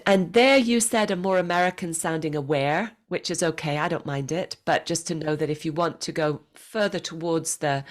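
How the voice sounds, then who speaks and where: A woman coaching English pronunciation over a video call, patient and encouraging, modelling phrases slowly. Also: low voice. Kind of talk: one-on-one online pronunciation lesson.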